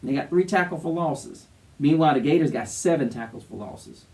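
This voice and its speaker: Guy breaking down football games, kinda high voice, bit far off the mic, real opinionated. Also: expressive, brisk, warm tone. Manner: opinionated, emphatic, conversational. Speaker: co-host of a college football show. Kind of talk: casual sports commentary.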